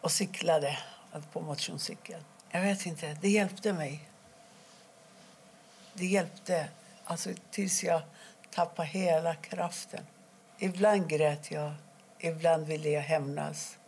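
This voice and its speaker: A middle-aged woman from Iran, telling her own story in an interview, quietly and haltingly, with many pauses. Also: low-pitched, steady tone, a little hiss or hum. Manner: halting, quiet and emotional, pausing often. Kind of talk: personal testimony interview.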